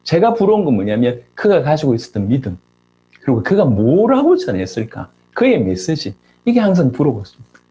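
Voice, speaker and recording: A middle-aged man preaching a sermon as a pastor, firing off rhetorical questions and rising sharply in pitch for emphasis. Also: huge pitch swings, a little fast, dark tone, a little hiss or hum.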